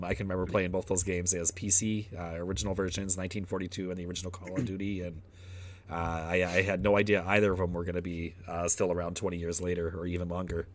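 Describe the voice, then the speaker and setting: Casting note: low-voiced man, podcast co-host, loose and chatty, laughs easily. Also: slight background noise. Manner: laughs often, rambling with fillers. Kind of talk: casual chat.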